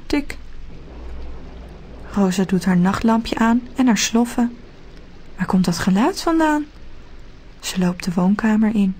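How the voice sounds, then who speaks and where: A woman narrating a children's storybook audiobook in a steady, clear telling. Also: mid-range voice, slight background noise.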